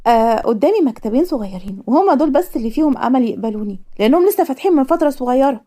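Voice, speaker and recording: Lady voicing soft sweet egyptian girl, cartoon daughter, mellow tone. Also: sits high, animated, very fast. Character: young woman, gentle, devoted daughter. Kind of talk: cartoon story voice acting.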